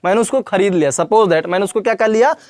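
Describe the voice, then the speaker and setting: A man's voice: high-pitched, quick pace, darkish tone, no room sound. Chatty man teaching grammar, dry sound. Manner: repetitive, quizzing the viewer with questions; calls the viewer "brother" and "child". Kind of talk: classroom lesson.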